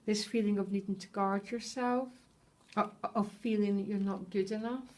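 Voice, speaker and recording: A woman reads tarot cards for her viewers in an earnest, heartfelt way. She is openly moved as she speaks and keeps checking in with them as she goes. Her voice sits at an everyday middle pitch. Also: fairly even intonation, normal speed, darkish tone. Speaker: tarot reader. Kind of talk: tarot reading addressed to viewers.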